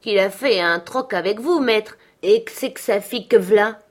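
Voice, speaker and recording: A woman's voice: medium pitch, a little slow, voice pushed up, natural voice. A woman reading aloud, voicing a grave, blunt old male servant with rustic country speech.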